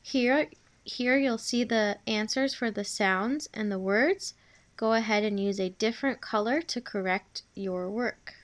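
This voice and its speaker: A woman teacher leads a spelling review, saying every sound, word and sentence twice. Her voice sits a little high, and she speaks slowly and clearly so children can write along. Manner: slow, clear dictation, repeating each word. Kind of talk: spelling dictation lesson.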